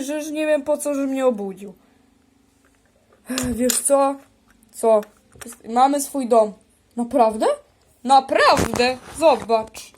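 A woman with a high voice improvises a toy role-play, playing several squabbling characters. She talks at an unhurried pace and jumps playfully from one voice to the next. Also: darkish tone, slight background noise. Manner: playful, bickering, switches between character voices. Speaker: toy video creator.

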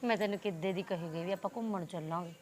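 Actress as a trusting young village woman, soft and quick. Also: lowish voice, a little hiss or hum, natural voice. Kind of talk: village comedy drama.

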